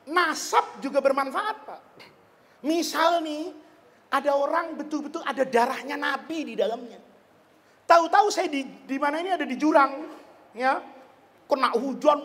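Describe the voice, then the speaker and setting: A man preaching a lively religious lecture, joking and asking the audience questions. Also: very high-pitched. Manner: animated, jokey, asks the audience questions. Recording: long hall reverb.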